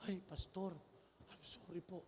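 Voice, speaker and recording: A man's voice: high-pitched, little pitch movement, unhurried, a little mellow, a little hiss or hum. A man voicing a small, earnest grade-school boy with a Filipino accent who apologizes in a whiny, childlike voice. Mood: apologetic. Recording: long-echo auditorium.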